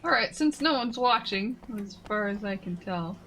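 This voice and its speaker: A woman's voice: mid-range voice, animated, normal speed, fairly bright tone, a little hiss or hum. A woman streamer chatting casually while playing a game, giggly and goofy. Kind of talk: casual chat while gaming.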